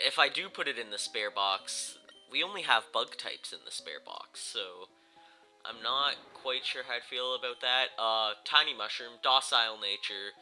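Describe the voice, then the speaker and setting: This rough recording captures a young gaming YouTuber whose medium-pitched voice sounds pushed and bright, and stuffy from a cold. Game music runs underneath as he casually narrates his play, rambling, saying um a lot and correcting himself.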